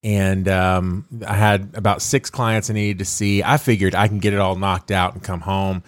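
A man's voice: deep voice, flat delivery, normal speed, no room sound, clean studio sound. A man co-hosting a casual podcast, a bit groggy from just waking up, telling a rambling story full of fillers. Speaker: podcast co-host.

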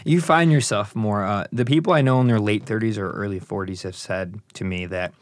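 A man's voice: lowish voice, brisk, no room sound. A man in his early thirties from Chicago, hosting a casual chat, asking curious questions and joking. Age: 30s. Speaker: podcast host.

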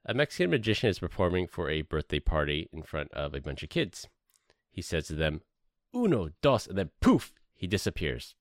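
A man's voice: extremely low pitch, very animated, fairly quick, no room sound, clean studio sound. A man telling jokes and bantering casually as a podcast co-host.

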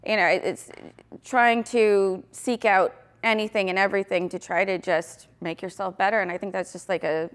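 A woman's voice: medium pitch, fairly even intonation, moderate pace. A woman co-hosting a casual chat show, speaking in a blunt, joking, informal way.

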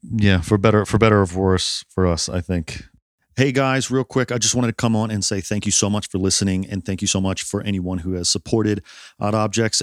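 A man's voice: lowish voice, no room sound, studio quality. An American man hosting a podcast, chatting casually with a self-deprecating, easy laugh and some swearing. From United States. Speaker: podcast host.

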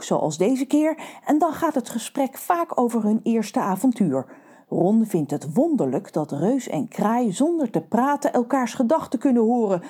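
A woman's voice: a little high, mellow, slightly rough. A woman narrating a children's audio story playfully, talking directly to her listeners.

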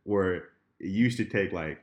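A man's voice: sits low, measured pace. A man in casual chat, talking animatedly, quoting characters and talking over his partner. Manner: animated, talks over others, quotes characters. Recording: echoey room.

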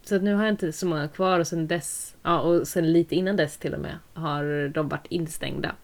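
A woman's voice: sits low, fairly even intonation. A woman chatting casually as a podcast co-host, thoughtful and a little hesitant. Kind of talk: casual chat.

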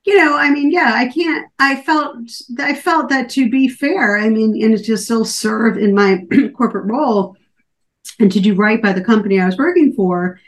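A woman's voice: fairly high pitch, moderate pace. A woman author in her forties talking casually as a podcast guest, chatty, with lots of fillers and restarts. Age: 40s. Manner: conversational, many fillers and restarts.

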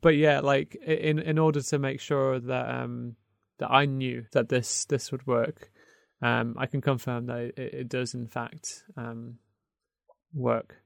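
A man's voice: medium pitch, level tone, unhurried, vocal fry, no room sound. A man co-hosting a podcast, talking casually and hesitantly about a film, with many ums and restarts. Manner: hesitant, full of ums and restarts, laughs often. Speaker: podcast co-host.

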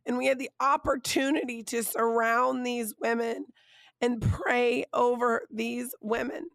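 A woman delivers a heartfelt faith monologue in a close, dry recording. Her voice is hoarse and raspy, fraying toward a whisper. She speaks slowly and emphatically, pausing and repeating phrases for weight. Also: on the high side, steady tone, a bit bright, no room sound. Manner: emphatic, halting, with repeated phrases and drawn-out pauses. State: hoarse, voice nearly gone. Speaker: podcast host and preacher.

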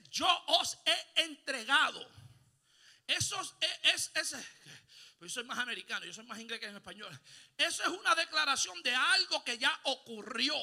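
A man preaching a Pentecostal sermon, calling on the congregation to repeat after him, mixing in English exclamations and building to shouts. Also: very high-pitched. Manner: call-and-response preaching, rising to shouts. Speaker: pastor.

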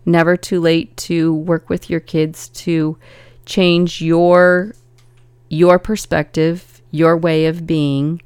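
A woman's voice: low voice, little pitch movement, takes it slowly, darkish tone, clear, resonant tone, no room sound. A woman co-hosting a casual podcast as a family coach, talking earnestly and reflectively, laughing easily.

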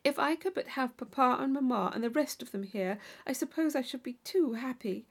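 Reading a classic novel aloud, a woman plays a young country gentlewoman who is naive and eager, earnest and full of gushing enthusiasm. She speaks briskly in a high, husky voice.

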